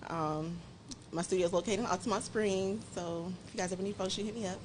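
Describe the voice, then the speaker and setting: A woman's voice: medium pitch, fast talker, a little hiss or hum. A young woman, a photographer who is a guest on a podcast, talking in an easygoing, upbeat way. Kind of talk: casual chat.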